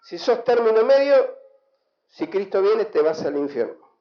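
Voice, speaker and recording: An Argentine man preaches a sermon in a high voice, measured and unhurried. He speaks emphatically and draws responses from the congregation. The sound is dull and lo-fi, ringing in an echoey church hall. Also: sing-song. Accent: Argentine Spanish. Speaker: pastor.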